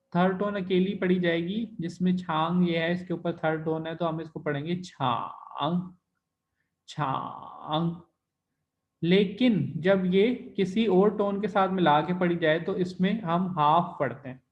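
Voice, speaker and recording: A man teaching an online language class, explaining step by step and demonstrating tones by slowly repeating syllables. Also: high-pitched, dull audio. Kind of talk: recorded online class lesson.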